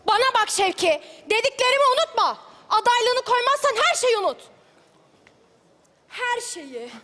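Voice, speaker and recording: A man's voice: sing-song, fast, bright, forceful tone, slight background noise, full character voice. A male comedian voicing a pushy, nagging wife in a live stage sketch. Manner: shrill, pushy, scolding. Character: nagging ambitious wife, middle-aged. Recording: live stage, hall reverb.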